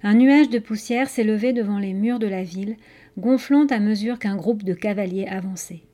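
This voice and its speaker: A woman's voice: medium pitch, moderate pace, dark tone. A woman reading a children's novel aloud, narrating steadily and expressively. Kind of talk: read-aloud storytelling.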